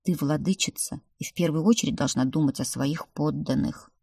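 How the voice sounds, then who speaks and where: A woman reading the lines of a sad male adviser in an audiobook, speaking low and sorrowfully. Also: normal speed, vocal fry, warm tone, slightly rough, dry recording, studio quality, exaggerated voice.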